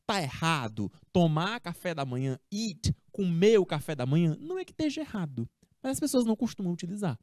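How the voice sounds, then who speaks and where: Brazilian lady teaching english, chatty, asks herself questions, warm lowish voice. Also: a little fast, dry recording, studio quality. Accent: Brazilian Portuguese. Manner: asks herself pupils' questions and answers them, lively and chatty. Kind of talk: classroom explanation of a text.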